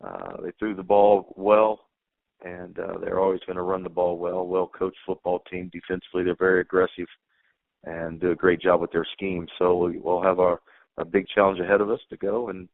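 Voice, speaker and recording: Male head coach, very low voice, dry phone-line sound, plainspoken q&a. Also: little pitch movement, normal speed, vocal fry, no room sound. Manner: plainspoken, repeats words and restarts. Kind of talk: teleconference Q&A.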